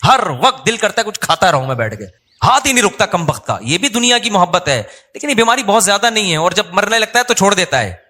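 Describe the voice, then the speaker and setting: A man's voice: high voice, big pitch swings, fast talker, bright, forceful tone. A man with a Pakistani Urdu accent giving a sermon, conversational and humorous, acting out quotes as he tells stories. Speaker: Islamic preacher.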